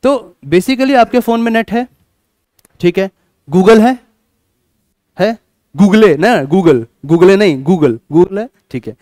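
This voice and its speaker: A man teaching a class, lively, asking questions and answering them himself. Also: high voice, slow pace, long pauses, no echo, clean studio sound. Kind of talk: classroom lecture.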